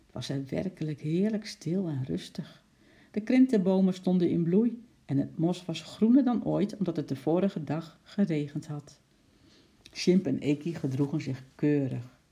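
A narrator reading a children's storybook aloud with lively, expressive storytelling. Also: medium pitch, moderate pace, gravelly. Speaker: audiobook narrator.

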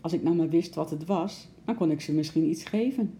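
A woman voicing a calm, thoughtful male zoo doctor in a storybook, quiet and measured. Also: sits low, slight background noise. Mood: grave.

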